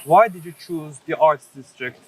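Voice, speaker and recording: A man's voice: fairly high pitch, normal speed, fairly bright tone, rough recording. A man hosting an interview, asking questions and giving short encouraging responses. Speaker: interviewer, host. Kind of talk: casual interview.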